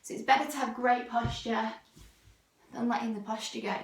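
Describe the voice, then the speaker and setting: A woman's voice: a little high, steady tone, normal speed. A young woman, a fitness instructor, talking casually through a workout vlog, upbeat and chatty, at times out of breath.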